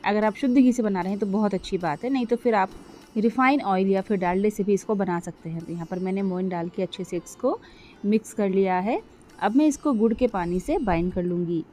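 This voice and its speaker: Speaking a little fast at medium pitch, a middle-aged woman gives a chatty voice-over for her cooking vlog in a mellow voice, with slight background noise. She walks through each step and often turns to address viewers directly.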